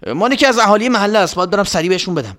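A man's voice: high-pitched, sing-song, fairly bright tone, pitched above the performer's own voice. A man voicing a grumbling middle-aged father who scolds in a hurry. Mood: impatient. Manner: scolding, hurried.

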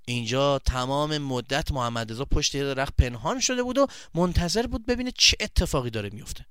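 A man narrating a story for children, addressing them directly in a lively storytelling manner. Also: mid-range voice, smooth, no echo, studio quality.

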